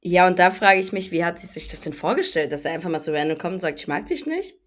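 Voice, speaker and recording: A young woman chats casually on a podcast with a slightly lowered pitch. She runs through events briskly, talkative and easygoing, laughing now and then. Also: fairly even intonation. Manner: brisk, talkative storyteller who laughs between points. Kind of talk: casual chat recapping a reality show.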